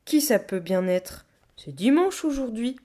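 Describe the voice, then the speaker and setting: Brief: woman voicing a gruff storybook gorilla who loves books and shouts in irritation. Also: a little high, sing-song, a little slow, voice pushed up. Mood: angry. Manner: shouting, indignant. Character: gruff loud female gorilla, book-loving, short-tempered. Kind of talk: audiobook reading.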